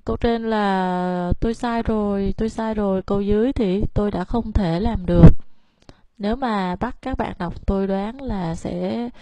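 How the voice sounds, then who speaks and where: A woman's voice: medium pitch, normal speed, dark tone, slight background noise. A woman whose first language is Vietnamese, giving a spoken lesson on Korean intonation and patiently explaining before reading example words aloud.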